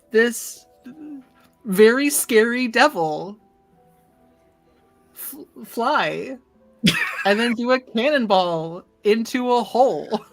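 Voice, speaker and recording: A woman running a tabletop game as game master, narrating casually among players. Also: fairly high pitch.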